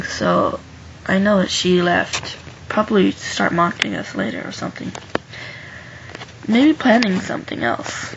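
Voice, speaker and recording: Gravelly young woman reading a fan story. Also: medium pitch, dull audio, a little hiss or hum. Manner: chatty, adds asides to listeners, frequent restarts. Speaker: fan fiction reader. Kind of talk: casual first-person story reading. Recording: music clearly behind the voice.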